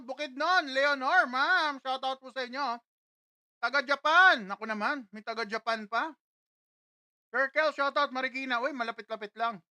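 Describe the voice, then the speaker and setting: A woman's voice: sits high, normal speed, bright, forceful tone, no room sound. A woman hosting a casual live stream from a studio, greeting viewers one after another and tasting food on camera.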